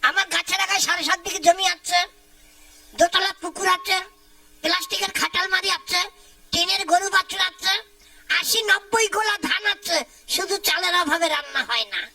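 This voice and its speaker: A woman's voice: very high-pitched, moderate pace, sharp tone, exaggerated voice, rough recording. A woman voicing a foolish young bridegroom in a puppet show, whining and bragging. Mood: boastful.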